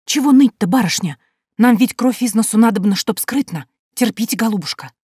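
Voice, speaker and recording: A woman's voice: a little high, animated, brisk, darkish tone, husky, no room sound, studio quality, voice pushed up. Woman doing a wailing young peasant maid. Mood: scolding. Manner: folksy rustic speech, wailing pleas.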